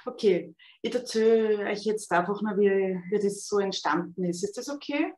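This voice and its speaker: A woman's voice: medium pitch, normal speed, darkish tone. Woman, 30s, illustrator guest, chatty and full of fillers, video call with room echo. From Austria. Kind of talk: casual storytelling. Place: room at home with a lamp. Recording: echoey video call audio.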